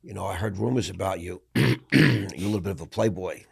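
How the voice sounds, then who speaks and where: Older male host, low husky voice with gravel. Chummy, talks over the guest. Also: fairly quick. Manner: chummy, interjecting often. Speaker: podcast host. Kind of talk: casual interview talk.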